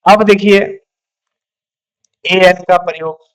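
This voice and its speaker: Slow, repetitive male grammar teacher. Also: high voice, steady tone, smooth. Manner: repeats words slowly, asks and answers his own questions. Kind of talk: classroom lesson.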